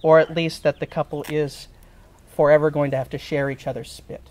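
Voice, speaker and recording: A man's voice: a little high, little pitch movement, fairly quick, a little mellow. A man officiating an informal wedding, explaining the ceremony in a wry way. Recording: live ceremony with faint ambient noise.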